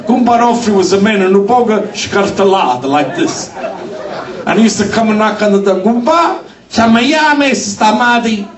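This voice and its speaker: A man's voice: sits high, fairly quick. A man telling a comic story on stage and mixing dialect into broken English. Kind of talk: stand-up storytelling. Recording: roomy sound from a distant mic.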